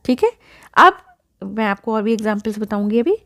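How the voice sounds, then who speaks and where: A woman's voice: medium pitch, animated, moderate pace, fairly bright tone. A woman teaching an English lesson, explaining step by step and asking the learner questions.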